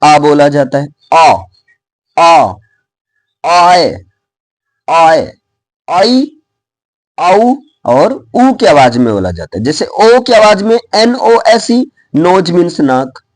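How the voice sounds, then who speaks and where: With an Indian accent and a high, darkish voice full of big pitch swings, a man explains English pronunciation to his class in a lively way. He checks in with them often, spelling each word slowly letter by letter before saying it. The audio has no echo.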